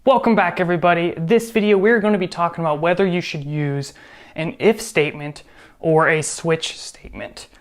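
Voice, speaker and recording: A programming instructor with a fairly high voice talks at normal speed in a casual screen-recorded tutorial. He's chatty and joking, often correcting himself as he goes.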